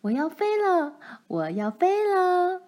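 A woman voicing a bold, lively little girl who talks back. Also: high voice, a little slow, pitched above the performer's own voice. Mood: excited playful.

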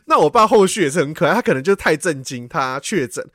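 A man's voice: a little high, expressive, fast talker, fairly bright tone, dry recording, clean studio sound. A man, co-hosting a podcast and telling a story in casual chat, stumbling and repeating words when he gets worked up. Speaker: podcast co-host.

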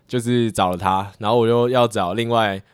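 A man's voice: fairly low pitch, steady tone, normal speed, smooth, no echo. Laughing man telling a story. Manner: rambling, laughs often at his own story. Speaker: podcast co-host. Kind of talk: casual storytelling chat.

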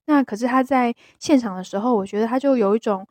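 A woman with a Taiwanese Mandarin accent, co-hosting a podcast in casual chat, talking hesitantly with many restarts and a soft voice that trails off. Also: a little high, fast, no echo. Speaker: podcast co-host.

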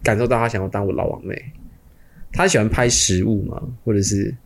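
A man's voice: lowish voice, steady tone, brisk, vocal fry. A young man with a Taiwanese Mandarin accent, co-hosting a podcast in casual chat, asking questions and teasing his friend. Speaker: podcast co-host.

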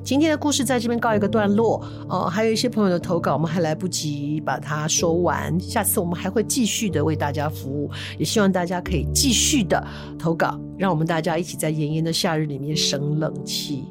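A woman from Taiwan, hosting a storytelling podcast in a chatty, animated way with Hokkien asides. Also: fairly low pitch, fairly quick, music in the background. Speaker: podcast host.

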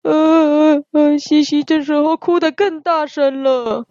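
Playful high-voiced woman storyteller. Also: unhurried, no room sound. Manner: playful, expressive. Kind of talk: improvised children's story game. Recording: dull lo-fi recording.

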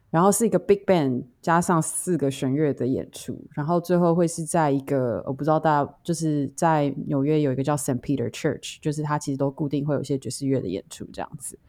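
Low-voiced woman podcast co-host. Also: a little mellow. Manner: easygoing anecdote telling, mixing in English words. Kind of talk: casual podcast chat.

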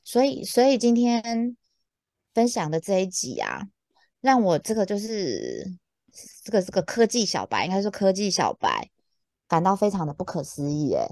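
Animated woman with a Taiwanese accent. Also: mid-range voice, normal speed, no room sound, studio quality. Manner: expressive, often exclaiming in amazement. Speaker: podcast co-host. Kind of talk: casual podcast chat.

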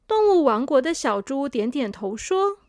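A woman storyteller reading a children's story, gentle and speaking to young listeners. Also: high voice, big pitch swings, normal speed, no echo, clean studio sound.

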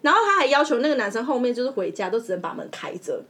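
Lively Taiwanese woman telling a story. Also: a little high, rapid-fire. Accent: Taiwanese Mandarin. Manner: animated, laughing while telling a story. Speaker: podcast co-host. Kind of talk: casual storytelling chat.

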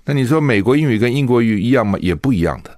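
A man's voice: medium pitch, lively intonation, very fast, darkish tone, dry recording, clean studio sound. A man from Taiwan hosting a radio talk show, giving solo news commentary in a chatty way, often asking his listeners rhetorical questions. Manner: chatty, asks rhetorical questions, laughs at own stories.

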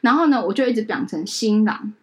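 A young woman who co-hosts a podcast and works as a wedding emcee tells a story in casual chat. Her medium-pitched voice moves fairly quickly, and she animatedly acts out the people she quotes.

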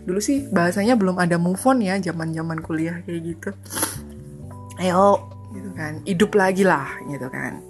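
A woman's voice: fairly low pitch, normal speed, soft background music. A woman in her thirties hosting a casual solo podcast, chatty and confessional, often laughing and slipping into English phrases. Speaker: podcast host.

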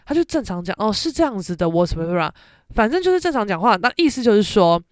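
A woman's voice: medium pitch, quick pace, no echo, clean studio sound. A young woman with a Taiwanese Mandarin accent, hosting a podcast and telling family stories casually, acting out the voices of relatives. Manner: animated, acts out family members' voices. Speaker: podcast host. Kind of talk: casual storytelling.

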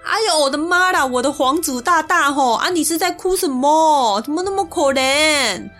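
Woman doing a doting old sea god, Taiwanese Mandarin accent, high and clucking, slow drawn-out words, faint music behind. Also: expressive, a bit bright. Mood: fussing. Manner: clucking, drawn-out, mixes in Hokkien.

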